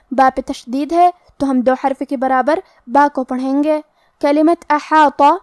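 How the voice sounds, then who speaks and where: A high-voiced woman gives a measured tajweed lesson, breaking down each letter and rule in a patient, methodical way. Her voice sits close and dry, with almost no room sound around it. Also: a little mellow, no room sound. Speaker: Quran recitation teacher. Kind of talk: tajweed lesson with slow recitation.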